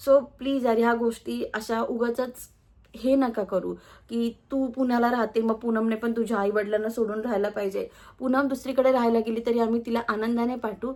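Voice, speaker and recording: A young woman with a Marathi accent talks straight to her viewers in a home vlog. She is emphatic and defensive as she answers their comments. Her voice sits a little high. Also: steady tone, brisk, a little mellow. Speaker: vlogger. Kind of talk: casual vlog talk to camera.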